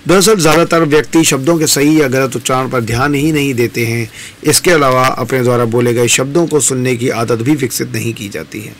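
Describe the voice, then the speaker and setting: A man presenting a campus radio lesson on pronunciation, talking in a measured, explanatory way and stressing each example word. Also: mid-range voice, slight background noise. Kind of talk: instructional talk on pronunciation.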